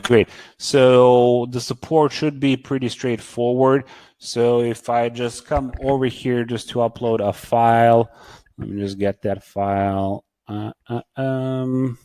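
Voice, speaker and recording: A man hosting a casual live webinar Q&A, reading out viewers' questions and demoing software, talking haltingly with many fillers and repeated words. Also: medium pitch, no echo. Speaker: webinar host answering product questions.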